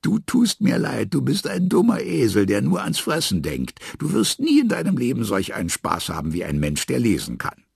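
A man's voice: mid-range voice, huge pitch swings, normal speed, gravelly, few pauses, darkish tone, breathy edge, dry recording, clean studio sound, pitched above the performer's own voice, exaggerated voice. A man voicing a cheeky, mocking male trickster in a read-aloud story.

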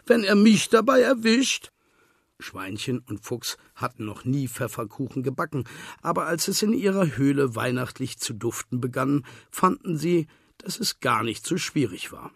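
A man's voice: mid-range voice, expressive, moderate pace, vocal fry, a bit bright, slightly rough, no room sound, clean studio sound. A man reading a children's storybook aloud as narrator, telling it expressively.

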